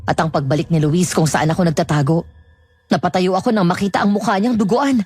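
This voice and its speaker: A woman's voice: lowish voice, fast, a little mellow, husky. A woman reading a first-person horror story with tense, scripted narration.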